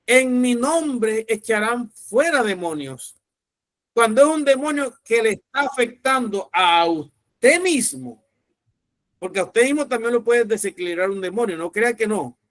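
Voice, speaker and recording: A pastor preaching with a notably high voice. He speaks emphatically and with command, urging his listeners on. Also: animated, normal speed, fairly bright tone, no room sound, studio quality. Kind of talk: sermon.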